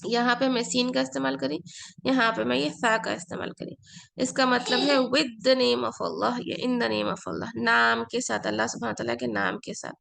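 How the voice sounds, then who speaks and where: A woman with Urdu as her first language teaches an Arabic lesson. Her voice is a little high and heavily gravelly with vocal fry. She explains patiently, repeating key words and mixing in English phrases. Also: steady tone, normal speed, noisy background. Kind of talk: online class lecture.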